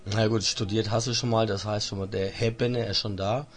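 A man's voice: fairly low pitch, fairly even intonation, a little fast, music in the background. A man hosting a casual radio interview, chatty and laughing at his own jokes. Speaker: radio host.

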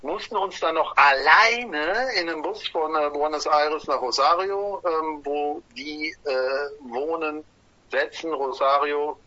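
A man from a band talking through a tour in a radio interview, keen and peppered with hesitations. His voice is bright and a little raised, recorded dry and somewhat lo-fi. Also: a little high, takes it slowly, dry recording. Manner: enthusiastic, many filler sounds. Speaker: band musician guest.

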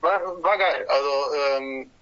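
A man's voice: mid-range voice, takes it slowly, a bit bright, dry recording, lo-fi sound. A man in a band telling about a tour in a radio interview, enthusiastic and full of filler sounds. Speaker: band musician guest.

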